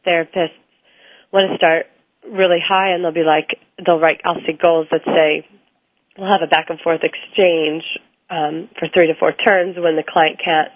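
Speaking as a guest in an interview, a woman who works as a speech-language pathologist describes her methods with a very low, even voice that hardly moves up or down. Plenty of ums and restarts break up her answers. The audio is thin and telephone-like, with no reverb at all.

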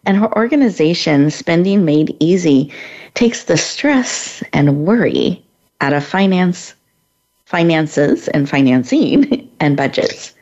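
A woman's voice: deep voice, lively intonation, takes it slowly, darkish tone. Effusive woman host, muffled audio. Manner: effusive, encouraging. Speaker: podcast host. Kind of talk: interview hosting. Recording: dull lo-fi audio.

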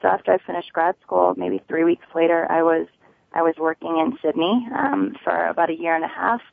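A woman's voice: lowish voice, creaky, dry recording. Hesitant woman on a tinny phone line. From Connecticut. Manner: hesitant, halting delivery. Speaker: real estate agent, interview guest. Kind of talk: conversational radio interview.

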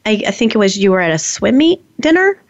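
A woman's voice: mid-range voice, very animated, a little fast. Woman podcast host, mid-range voice, reflective and agreeable, slightly dull sound. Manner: affirming, reflective, frequent "right" and "exactly". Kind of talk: casual podcast conversation.

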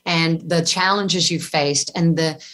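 A woman with a somewhat low-pitched voice talks as a yoga teacher on an interview show. She speaks effusively and with lots of animation, laughing often. The talk is warm and casual. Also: steady tone, slow pace.

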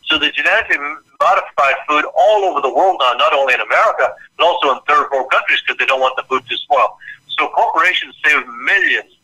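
A man from Ireland speaking as a nutrition expert guest in a casual interview, fast and emphatic as he tells stories. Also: medium pitch, sharp tone, slightly rough, rough recording.

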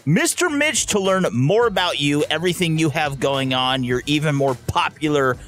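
A man's voice: fairly high pitch, normal speed, a bit bright, faint music behind. A man hosting a radio show in casual, jokey, effusive chat.

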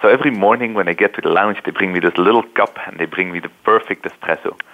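A man from Belgium with a Belgian accent, calling in to a radio show and telling a relaxed story. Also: sits low, quick pace. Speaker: caller. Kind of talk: casual chat. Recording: tinny phone line.

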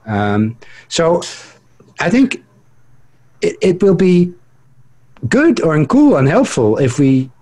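A man co-hosting a radio talk show about the mind, speaking casually and haltingly, often repeating words as he searches for them. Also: on the high side, sing-song, a little mellow. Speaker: co-host.

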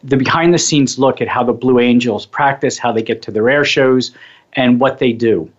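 A man's voice: medium pitch, moderate pace. A man hosting a radio show on hypnosis and mindfulness, talking casually in a rambling way and often correcting himself. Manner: rambling, self-correcting, chatty. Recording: slightly muffled lo-fi audio.

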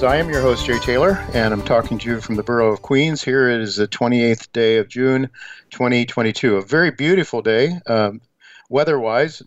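A dull, lo-fi recording with almost no room echo carries a male talk radio host. He delivers a partly scripted monologue in a halting way, often restating his phrases. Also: mid-range voice. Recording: dull lo-fi radio show audio.

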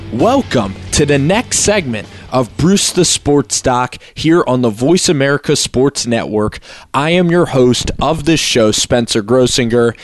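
A young male sports radio host who talks with energy and emphasis as he analyzes games. His voice sits at a middle pitch. The recording is dry and close. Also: no room sound.

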